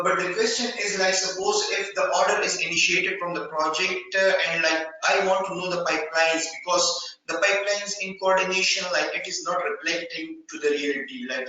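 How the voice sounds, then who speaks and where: A man's voice: sits high, sharp tone. Man on a laggy, echoey remote call line. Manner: hesitant, many fillers. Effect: laggy, delayed remote call connection. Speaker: meeting participant asking a question. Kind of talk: halting question on a video call. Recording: very echoey room, far from the mic.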